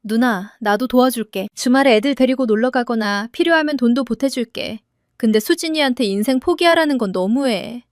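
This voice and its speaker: A woman voicing an earnest young husband who pleads but stands firm, in a lowered voice. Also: a little fast, dry recording, studio quality, natural voice.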